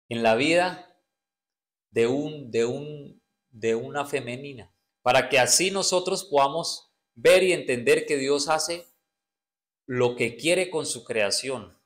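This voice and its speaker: Male preacher, teaching sermon, quizzes the congregation, halting repeats. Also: mid-range voice, fairly bright tone. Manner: asks the congregation questions and answers them; halting, repeats words while searching.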